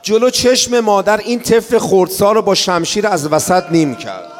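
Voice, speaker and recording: A man giving a mourning sermon, chanting the story and rising into wailing shouts. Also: high voice, animated. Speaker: mourning preacher. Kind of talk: lamenting religious sermon. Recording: reverberant hall.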